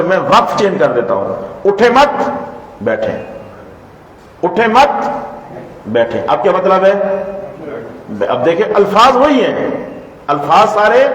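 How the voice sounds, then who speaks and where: Guy teaching a religious class, keeps quizzing the room, bit high voice, far off in a big echoey hall. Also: a bit bright. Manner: asks the audience questions and repeats the answers; earnest, pleading. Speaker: Quran teacher. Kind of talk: religious lesson.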